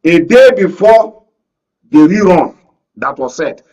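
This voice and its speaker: In a radio and TV studio, a Nigerian media analyst on a political panel speaks insistently, repeating phrases to keep the floor. His voice is high, expressive and darkish, coming slowly from far off the mic on a rough recording.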